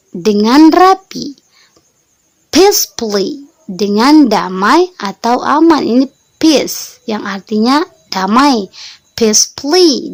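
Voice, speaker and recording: Higher-voiced woman teaching vocabulary. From Lombok, Indonesia. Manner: patient, repeats words and meanings, addresses viewers as friends. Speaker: English teacher. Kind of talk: online vocabulary lesson.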